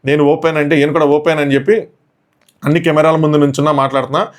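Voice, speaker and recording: A man reviewing a reality show episode who talks extremely fast, barely pausing between points. His voice sits a little high for a man, and he slips English words into a breathless, storytelling recap. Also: level tone. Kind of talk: rapid episode recap commentary.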